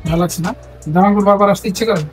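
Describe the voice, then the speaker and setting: A young man, a father filming a casual family vlog, talking in a gentle, coaxing, reassuring way on a train. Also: high voice, fairly even intonation, rapid-fire, faint music behind. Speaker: father and vlogger. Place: inside a moving train.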